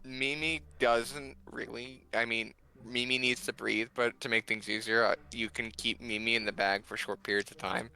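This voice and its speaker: Gravelly, bright-voiced male game master. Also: mid-range voice, steady tone, normal speed, hardly any pauses. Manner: rambling, self-correcting explanations. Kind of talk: running a tabletop game.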